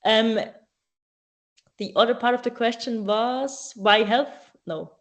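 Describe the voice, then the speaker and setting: A woman's voice: on the high side, steady tone, takes it slowly. Hesitant woman answering questions. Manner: hesitant, many ums and restarts. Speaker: speaker at a student AI event. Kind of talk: casual live Q&A answers.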